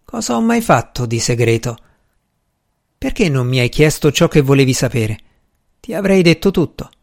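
Mad male magician in an audiobook, slow hushed whisper, calm menace; a man plays him. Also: mid-range voice, creaky. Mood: intense.

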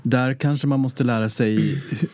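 A man's voice: medium pitch, fairly even intonation, darkish tone, no echo, clean studio sound. Hesitant man hosting an interview. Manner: hesitant, rambling questions with many fillers. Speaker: interview host. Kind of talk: casual interview chat. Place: studio.

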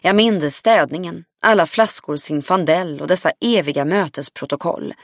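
A woman narrating a first-person audiobook in a calm, even storytelling read. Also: on the low side, dry recording, studio quality.

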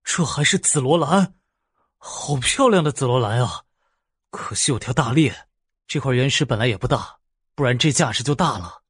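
A man voicing an excited male jade-cutting craftsman who shouts out eager exclamations. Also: medium pitch, moderate pace, slightly rough, no room sound, clean studio sound.

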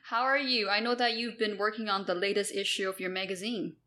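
A woman hosting a podcast interview, who encourages her guest with quick, short replies. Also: mid-range voice, fairly even intonation, sharp tone. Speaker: podcast host. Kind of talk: casual interview.

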